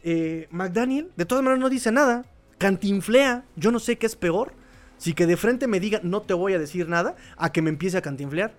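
Chatty high-voiced Mexican man. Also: lively intonation, normal speed, soft background music. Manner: chatty, opinionated, laughs often, repeats phrases. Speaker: podcast host reading live chat. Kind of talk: casual live-stream commentary.

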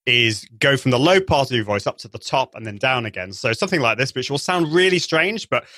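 Bright-voiced man explaining eagerly. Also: mid-range voice, expressive, brisk, dry recording. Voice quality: trained singing voice. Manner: enthusiastic, explanatory, many restarts. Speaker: guest, live video trainer. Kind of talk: interview over a call.

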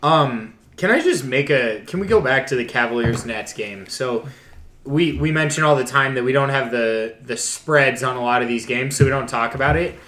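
A man's voice: mid-range voice, moderate pace, a bit bright. Opinionated man in an echoey room. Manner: opinionated, talks about betting spreads. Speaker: podcast co-host. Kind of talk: casual sports betting chat.

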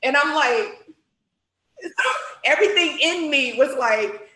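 A woman telling a personal story as an interview guest, animated, acting out her own reactions and laughing often. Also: takes it slowly, reverberant, poor audio. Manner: animated, acts out her own reactions with big pitch jumps; laughs often while talking. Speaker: guest, youth literacy director.

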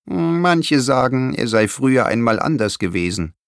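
A man voicing a kindly, caring older grandmother in a storybook reading, gentle and sighing. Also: mid-range voice, big pitch swings, a little slow, gravelly, smooth, no echo, clean studio sound, voice pushed up. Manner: gentle, warm-hearted, sometimes sighing.

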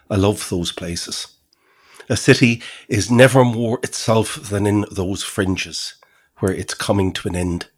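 A man's voice: low voice, breathy edge. A man reading a sardonic monologue aloud to a writing group, wry and swearing casually. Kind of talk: dramatic reading of his own monologue.

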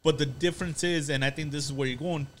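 A man in a casual sports chat, laying out an example to make his point. His voice sits a little high, with a faint noise behind him. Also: steady tone, fast, fairly bright tone. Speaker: co-host.

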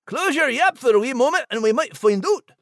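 A man voicing a gruff, bossy male Scottish terrier with a Scottish accent and blunt, homespun talk. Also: very high voice, lively intonation, fairly quick, a bit bright, a little hiss or hum, full character voice.

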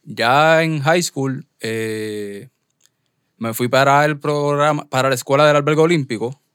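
A Puerto Rican man in his twenties, a podcast guest in a small studio, answering calmly and matter-of-factly. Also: medium pitch, a little slow, clear, resonant tone, no room sound. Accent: Puerto Rican Spanish. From Carolina, Puerto Rico. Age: 20s. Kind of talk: casual interview chat.

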